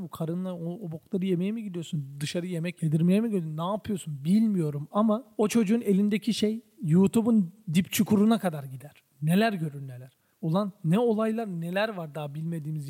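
A man's voice: sits high, a little fast, hardly any pauses, mellow. A young man from Turkey in his twenties, hosting a podcast, ranting casually and swearing a lot in an exasperated way. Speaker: podcast host.

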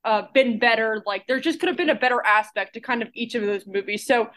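Woman on a movie podcast, kinda high voice, lots of likes and ums, thinking it through. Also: expressive, fast, sharp tone. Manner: thoughtful, hedging with likes and ums. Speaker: podcast co-host. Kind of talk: casual podcast chat.

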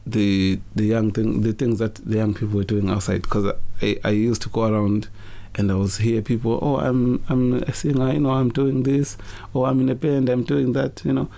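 A young man from Zimbabwe answering interview questions in a relaxed, hesitant way, with many fillers and restarts. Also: medium pitch, normal speed, vocal fry, hardly any pauses. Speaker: interview guest, business founder.

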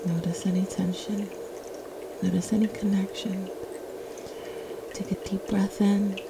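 Lady whispering a guided meditation, soft spa whisper, gentle and really even, loud water sounds all around. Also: medium pitch, measured pace, gravelly, noisy background. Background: running and dripping water ambience.

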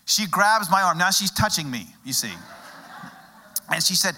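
A middle-aged male pastor from Texas, preaching a sermon through a humorous story told with dramatic pauses. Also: high voice, expressive, pushed and bright, a little hiss or hum.

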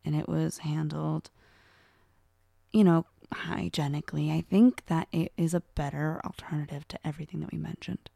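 Young woman co-host, gravelly, dark tone, loose chatty delivery. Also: deep voice, level tone, moderate pace, no room sound, studio quality. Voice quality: gravelly, dark voice, rambling with many fillers. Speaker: podcast co-host. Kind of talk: casual chat.

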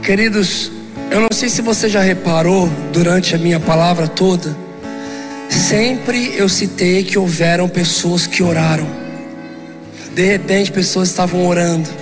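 Animated high-voiced male preacher in a hall. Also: unhurried. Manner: animated storytelling, acting out dialogue. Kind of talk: sermon with story. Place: church. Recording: church hall reverb with music.

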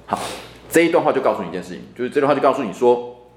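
Animated man teaching Bible class. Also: medium pitch, racing, echoey room, slight background noise. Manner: animated, repeats words for emphasis, chatty fillers. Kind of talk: lively classroom Bible lecture. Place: church classroom.

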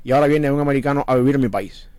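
Fast-talking pastor on the radio. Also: male voice, medium pitch, a little mellow, clean tone, no room sound. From Cuba. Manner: emphatic, preachy, repeats points. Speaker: pastor, radio show host. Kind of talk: radio talk show commentary. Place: radio studio.

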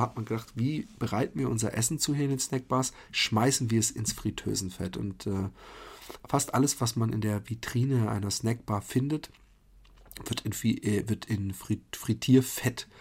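A man's voice: fairly low pitch, moderate pace, breathy edge. A man from Germany hosting a podcast, talking in a chatty, rambling monologue full of fillers and restarts. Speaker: podcast host. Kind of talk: casual monologue.

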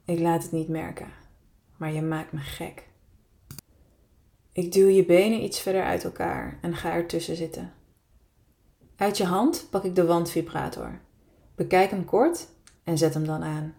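A woman with a fairly low voice reads her own erotic story in the first person. Her delivery is slow, sultry and intimate, as if speaking close to a single listener. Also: steady tone, dark tone.

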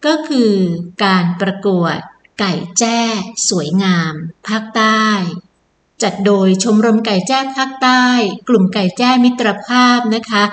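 A woman's voice: a little high, a little slow, slight background noise. Woman presenter in an echoey room. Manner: polite, inviting, repeats key details for listeners. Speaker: presenter announcing a public event. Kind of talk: promotional announcement, semi-scripted.

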